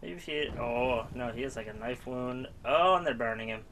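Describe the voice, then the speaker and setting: A young man talks through a story game in a loose, rambling way, poking fun at himself as he goes. His voice sits at an ordinary middle pitch. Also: fairly bright tone, slight background noise. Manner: rambling, self-mocking, quick laughs. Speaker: gaming YouTuber. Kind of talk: casual let's-play commentary.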